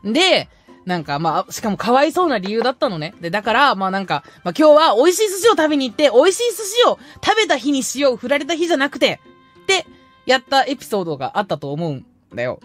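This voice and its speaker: A young woman chats casually with her viewers as a streamer, recounting a story in a bright, high voice that leaps up and down. She laughs often and slips into voices as she quotes the people in the story. Faint music plays quietly behind her. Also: fast talker. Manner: animated, laughs often, acts out quoted lines.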